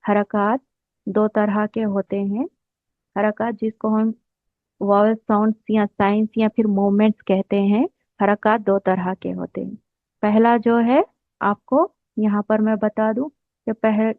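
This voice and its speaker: A woman teaching a slow explanatory language lesson, patiently repeating each term while she writes it out. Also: mid-range voice, no echo. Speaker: Arabic teacher. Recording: dry, tinny phone-like sound.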